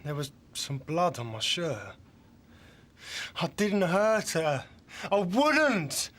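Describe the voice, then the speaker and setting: High-pitched, agitated British suspect. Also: male voice, huge pitch swings, fairly bright tone, full character voice. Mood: agitated, pleading. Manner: defensive, halting, emotional. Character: male suspect, defensive, agitated, pleading. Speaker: suspect under questioning. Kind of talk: TV police drama acting.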